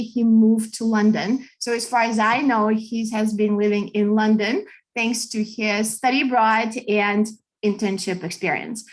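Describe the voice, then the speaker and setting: A woman from Russia, a native Russian speaker, giving an upbeat, chatty online talk as a study abroad advisor over a video call. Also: on the high side. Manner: upbeat, chatty, many fillers. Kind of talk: online information session.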